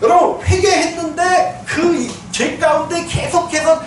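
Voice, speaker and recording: A man's voice: extremely high pitch, a little slow, soft background music. A male pastor giving a conversational sermon, asking his listeners questions and laughing now and then. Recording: echoey church hall from far off, faint noise.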